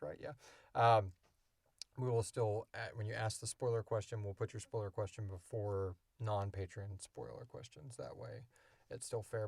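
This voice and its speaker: This man co-created the podcast he co-hosts, and here he rambles through an informal, unscripted Q&A, explaining as he goes. He has a fairly low, creaky voice with a slightly mellow quality, captured with no room sound.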